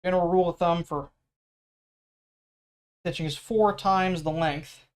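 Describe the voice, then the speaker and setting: A man demonstrating leatherworking on a live stream, talking loudly in an explaining way and chatting with viewers into a microphone. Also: sits high, fairly even intonation, measured pace. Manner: loud, explaining voice. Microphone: external microphone.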